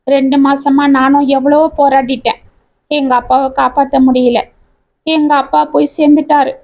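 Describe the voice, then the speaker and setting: A woman's voice: high voice, flat delivery, normal speed, gravelly, a little mellow, lo-fi sound. A woman voicing a grieving middle-aged widowed mother who tells her story in a heartfelt, pleading way. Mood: sorrowful confession. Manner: heartfelt confessional telling.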